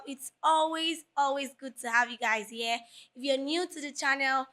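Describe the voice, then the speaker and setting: Give me a bright, high-voiced Nigerian woman hosting an interview. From Lagos, Nigeria. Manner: playful, laughs often, mixes in Pidgin. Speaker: podcast host. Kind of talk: casual interview chat.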